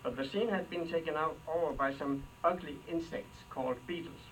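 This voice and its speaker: A man's voice: fairly high pitch, fairly quick, a bit bright. Older man, Danish accent, dry wry delivery, humorous speech, far from mic, audible noise behind. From Denmark. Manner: dry, wry storytelling with comic asides. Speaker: after-dinner speaker. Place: hall with a live audience. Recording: distant mic, clear background noise.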